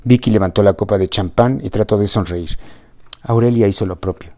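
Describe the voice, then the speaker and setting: Low mellow male narrator. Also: a little fast. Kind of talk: audiobook narration.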